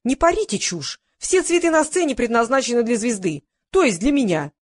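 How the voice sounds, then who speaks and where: A woman's voice: on the high side, lively intonation, a little fast, dry recording, studio quality. A woman voicing a vain, muddled old male pop veteran who thinks every show is about him. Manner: confused, self-important.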